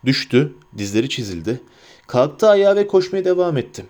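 Man reading a story aloud, lively tone, pitch on the higher side. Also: moderate pace. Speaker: audiobook narrator. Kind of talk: scripted narration.

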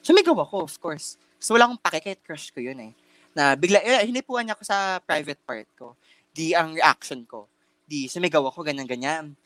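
Young guy podcast cohost, taglish chatter, pitch jumps all over, lots of fillers and campy slang. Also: lively intonation, a little fast, a bit bright, no room sound. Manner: chatty Taglish storytelling with many fillers and restarts. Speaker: podcast co-host. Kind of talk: casual chat.

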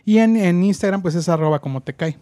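A man's voice: sits high, fast, warm tone, dry recording, clean studio sound. A man co-hosting a casual podcast in a Mexican Spanish accent, joking crudely with his friends. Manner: crude joking, laughs often. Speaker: podcast co-host.

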